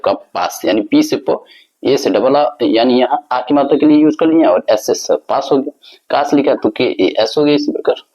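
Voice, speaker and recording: A man's voice: medium pitch, warm tone. A male teacher explaining a lesson step by step, asking the class questions and answering them himself. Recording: slightly dull lo-fi recording.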